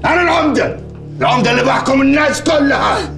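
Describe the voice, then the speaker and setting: An actor with an Upper Egyptian accent playing a domineering village mayor who taunts and threatens in a TV drama. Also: male voice, extremely high pitch, quick pace, vocal fry, echoey room, over loud music. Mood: menacing. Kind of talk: TV drama acting.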